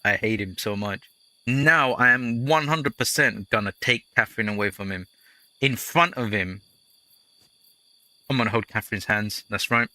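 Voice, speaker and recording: A man's voice: fairly low pitch, moderate pace, pushed and bright, no echo. A man hosting a let's play, giving casual gameplay commentary that rambles into chatty, jokey storytelling.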